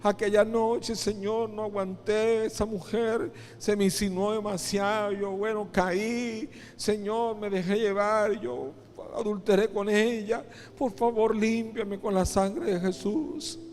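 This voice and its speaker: A remorseful old man pleads through tears in a high, strained voice, as a preacher acts him out. The voice sits well above the speaker's usual pitch. A long church-hall reverb trails every word. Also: lively intonation, moderate pace, warm tone. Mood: tearful pleading. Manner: pleading, tearful confessions. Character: remorseful old man begging forgiveness, weeping.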